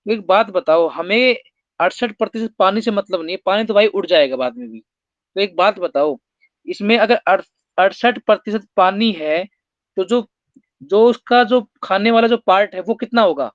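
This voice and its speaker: A man's voice: high voice, moderate pace, no room sound, muffled recording. A man teaching an exam-prep maths lesson, explaining step by step and putting rhetorical questions to his students.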